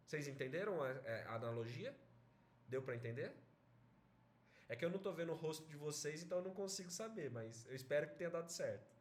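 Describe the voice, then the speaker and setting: A man's voice: on the high side, animated, quick pace, echoey room, slight background noise. A man with a Brazilian accent teaching an online essay-writing class, explaining in a chatty way and checking in with his students. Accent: Brazilian Portuguese.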